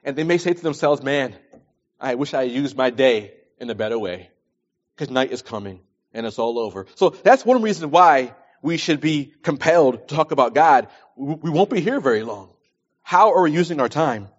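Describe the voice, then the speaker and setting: Medium in pitch with lively intonation and a moderate pace, a man in his early forties preaches emphatically, repeating phrases to stress them. He reads scripture and offers plain advice, and the recording is dull and lo-fi.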